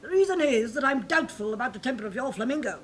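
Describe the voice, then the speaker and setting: A woman acting a moralising, over-familiar storybook Duchess with a husky voice. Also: sits high, lively intonation, fast, a bit bright, a little hiss or hum. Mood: gushing. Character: gushing, moralising, affectionate, ugly storybook Duchess.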